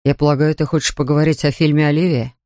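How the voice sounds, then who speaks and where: A woman reading an audiobook, voicing a calm, reserved young man who talks in a low, plain way. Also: quick pace, no room sound, clean studio sound, natural voice.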